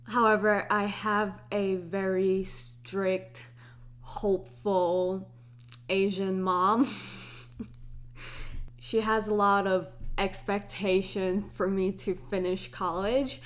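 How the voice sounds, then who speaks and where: A young woman in her twenties from Hong Kong, chatting casually through a get-to-know-me Q&A vlog. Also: mid-range voice. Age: 20s. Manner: relaxed, unhurried, chatty with restarts. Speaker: YouTuber.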